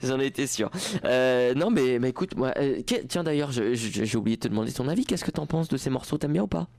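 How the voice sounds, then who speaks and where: A man's voice: mid-range voice, animated, a little fast, creaky, darkish tone, no echo. A young man hosting a campus radio show in a studio, chatting casually with lots of fillers and restarts. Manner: rambling, many restarts and fillers. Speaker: radio host. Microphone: studio microphone.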